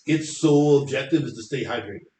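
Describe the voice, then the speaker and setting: A deep-voiced hairstylist, guesting in an interview chat, explains things at length with easy confidence, talking fairly quickly in a darkish tone. The room is echoey, and a faint ambient hum runs underneath.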